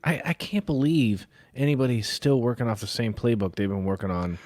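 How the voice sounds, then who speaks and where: A man in his forties co-hosting a political chat podcast, forceful and indignant, his voice rising when worked up. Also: medium pitch, lively intonation, a little fast, dry recording, studio quality. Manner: forceful, indignant, gets loud. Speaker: podcast co-host.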